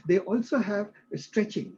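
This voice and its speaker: A man's voice: high voice, sing-song, moderate pace, darkish tone, husky, highs cut off. Man teaching, checking in with "right?". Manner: explains with everyday examples, frequent "right?" checks. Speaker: instructor. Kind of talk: live class explanation.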